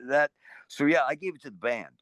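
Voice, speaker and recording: A man's voice: on the high side, a little fast, dry recording. An older man, an interview guest, telling stories in a casual, rambling way and often restarting his sentences. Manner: rambling, restarts often, animated voices in anecdotes.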